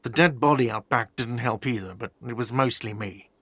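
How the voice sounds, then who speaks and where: An actor playing an irritated, dismissive hostel manager in a video game, speaking sarcastically. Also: male voice, mid-range voice, normal speed, fairly bright tone, slightly rough, dry recording.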